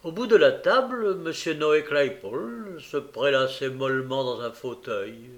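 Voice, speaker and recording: A man narrating a classic novel, measured with an occasional hesitation. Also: mid-range voice. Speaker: audiobook narrator.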